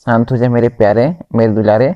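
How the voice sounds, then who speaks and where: A man's voice: medium pitch, fairly even intonation, brisk, dry recording, close to an everyday voice. A man voicing Mitsu, a young caped hero and fussy father, who talks in an exasperated, complaining way. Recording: dull lo-fi dry recording.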